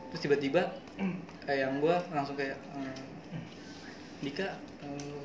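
A man's voice: mid-range voice, steady tone, moderate pace. A young man telling a personal story in casual chat, laughing often as he talks. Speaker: guest telling his story. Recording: echoey room with background noise.

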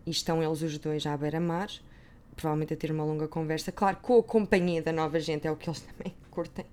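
A woman's voice: low voice, fairly even intonation, quick pace, darkish tone. A woman with a European Portuguese accent, chatting casually about gossip magazines, rambling and sometimes dropping to a whisper.

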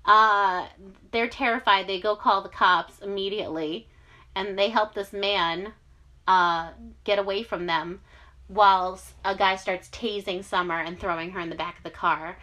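A young woman narrates a true crime case in loose, chatty podcast talk. She breaks off for sarcastic asides and fills gaps with ums and uhs. Her voice sits at an ordinary middle pitch. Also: fairly even intonation, normal speed, sharp tone, highs cut off. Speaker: podcast host telling a true crime story. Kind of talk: casual storytelling chat.

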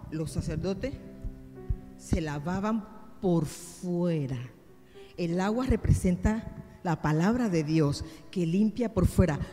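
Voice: mid-range voice, dark tone, big-room sound. A preacher delivering a sermon, speaking directly and emphatically to the congregation as brothers and sisters.

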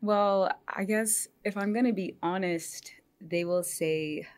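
A woman's voice: medium pitch, takes it slowly, darkish tone. A young adult woman from Indianapolis, speaking as a podcast guest in a thoughtful, hesitant way with many ums and likes. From Indianapolis, United States. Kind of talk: casual interview conversation.

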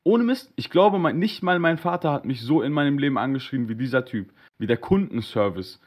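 A man with a voice in the middle of the male range tells a story on a casual live-streamed podcast. He talks in a slangy, animated way and plays out each side of a phone call. It sounds like laid-back chat between friends. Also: mid-range voice, brisk. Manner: animated, slangy, acts out both sides of dialogues. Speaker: podcast host.

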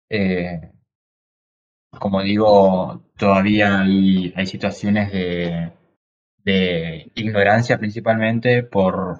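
A man of twenty-four, talking on a video call panel in a hesitant way with many pauses. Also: deep voice. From Argentina. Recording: muffled lo-fi call audio.

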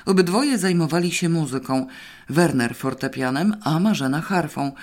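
A woman narrating a first-person audiobook in a wry, even storytelling manner. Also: low-pitched, normal speed. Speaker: audiobook reader.

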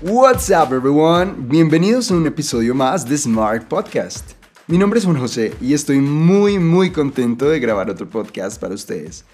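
A man's voice: mid-range voice, animated, moderate pace, a little mellow, faint music behind. A man hosting a language-learning podcast, talking cheerfully and with enthusiasm, with an easy laugh. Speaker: podcast host and teacher. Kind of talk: scripted podcast narration.

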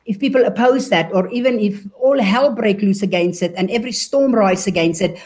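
An evangelist guest with a South African accent shares her testimony earnestly during an interview. She speaks briskly in a medium-pitched, somewhat mellow voice.

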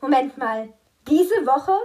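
A woman's voice: high voice, expressive, normal speed. A woman reading a fifteen-year-old girl's lines in an audiobook, protesting and incredulous. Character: teen girl, fifteen, defiant and pleading.

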